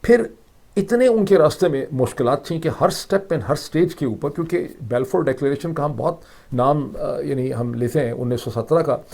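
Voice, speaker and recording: A man's voice: on the high side, lively intonation, normal speed, vocal fry, darkish tone. A middle-aged man from Pakistan with a Pakistani Urdu accent, hosting a solo political commentary and explaining events emphatically, slipping English phrases into his Urdu. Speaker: political analyst and host.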